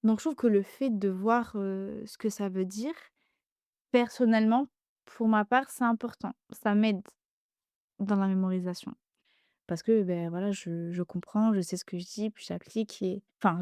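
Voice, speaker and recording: In a dry, studio-quality recording, a young woman with a mid-range voice talks casually as a guest on a podcast. An Arabic dialect is her first language, and she comes across as animated and hesitant, using many fillers and restarting often.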